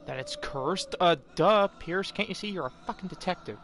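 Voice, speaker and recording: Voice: medium pitch, lively intonation, moderate pace, background noise. A streamer giving live, chatty commentary on a horror game, swearing freely.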